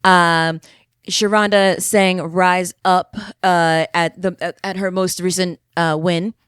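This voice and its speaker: A woman interviewer with a smooth, clear voice pitched a little low. She asks her questions in a friendly, encouraging way. The recording is dry and close. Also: fairly bright tone, dry recording. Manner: friendly, encouraging, frequent agreeing murmurs. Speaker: podcast co-host. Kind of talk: interview hosting.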